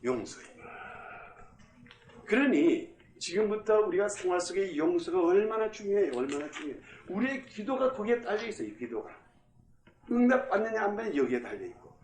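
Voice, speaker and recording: A man pastor giving a Bible study lecture, emphatic, repeating key phrases and putting questions to the class. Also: high voice. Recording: echoey room.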